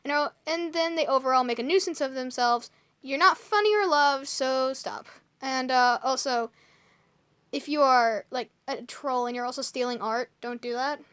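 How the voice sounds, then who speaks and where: Young woman, high voice, chatty co-host, stumbly and filler-heavy, dry close sound. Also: fairly even intonation, normal speed, fairly bright tone, clear, resonant tone, no echo. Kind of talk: casual chat reading a list.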